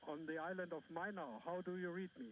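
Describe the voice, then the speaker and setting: A man's voice: sits high, fast. A man working as a space agency public affairs officer, calling over a radio link in formal procedure phrasing. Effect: distant radio link voice. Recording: faint, distant radio transmission.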